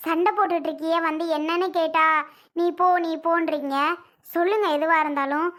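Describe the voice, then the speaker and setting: A woman's voice: very high voice, fairly even intonation, a little fast, fairly bright tone. A woman playing an anxious young wife who keeps asking worried questions. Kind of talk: family drama skit.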